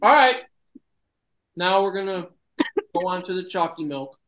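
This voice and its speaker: A man hosts a loose podcast chat with friends. He is brash and profane, quick with a joke. He sounds a little queasy throughout. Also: high voice, lively intonation, highs cut off. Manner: swearing, brash and joking. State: feeling sick and nauseous. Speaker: podcast host. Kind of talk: casual chat.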